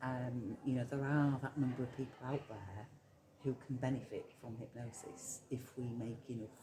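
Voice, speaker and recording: With a bass voice and fairly level intonation at a moderate pace, a middle-aged woman from Yorkshire talks casually as a hypnotherapist guest in an interview. Her Yorkshire accent comes through a low-quality recording with crowd noise, and she's chatty and thoughtful, dotted with ums and soft laughs.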